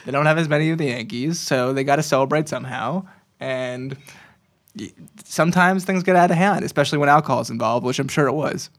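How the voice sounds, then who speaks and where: A man's voice: fairly high pitch, brisk. A man co-hosting a casual chat show, easygoing and talking with many fillers like "like" and "you know". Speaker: podcast co-host.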